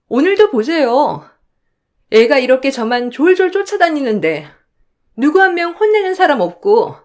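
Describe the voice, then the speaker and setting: A woman's voice: high voice, voice pushed up. A woman voicing a jealous young in-law in a radio drama who whines and pleads. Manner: pleading, whining.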